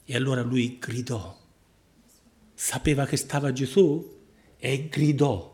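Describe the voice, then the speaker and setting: A man preaching a sermon to his congregation, emphatic, with repeated rhetorical questions and swings between loud and hushed delivery. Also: medium pitch, fairly even intonation, slow pace.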